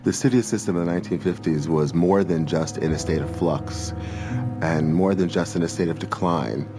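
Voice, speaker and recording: A man with a very low voice gives measured, articulate commentary in a documentary interview. Soft music sits under his words.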